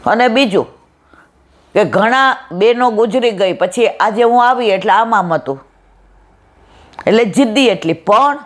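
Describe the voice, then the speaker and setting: A woman speaks at a satsang, telling devotional stories from her memories. Her delivery is slow and unhurried, in a middle-pitched voice. She briefly acts out the people in her stories as she quotes them. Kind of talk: devotional storytelling talk.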